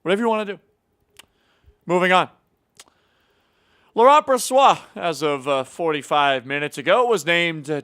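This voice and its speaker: A man hosts a casual hockey news segment, his fairly high voice clear, resonant, and fairly bright. Upbeat and full of filler words, he spends the sports chat teasing his co-host.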